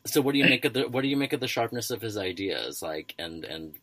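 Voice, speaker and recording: Deep-voiced man musing with many fillers. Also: expressive, quick pace, fairly bright tone. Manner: hesitant, thinks aloud with many fillers. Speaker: podcast host. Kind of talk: casual study discussion.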